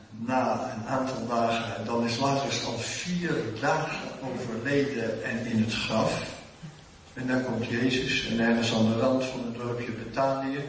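Older Dutch-speaking preacher in an echoing hall. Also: male voice, medium pitch, a little hiss or hum. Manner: animated storytelling, acts out the voices in his story. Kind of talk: sermon. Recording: echoey hall, mic set at a distance.

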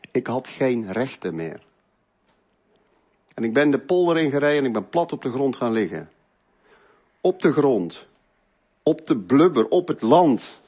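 A middle-aged man gives an earnest, emotional testimony of his personal faith, shifting between loud passages and hushed ones. His voice is mid-range with a breathy edge.

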